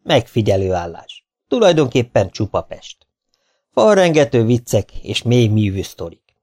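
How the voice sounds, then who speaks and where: A man's voice: mid-range voice, big pitch swings, a little mellow. A man reading a memoir aloud as an audiobook, in a dry, wry storytelling manner. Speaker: audiobook reader.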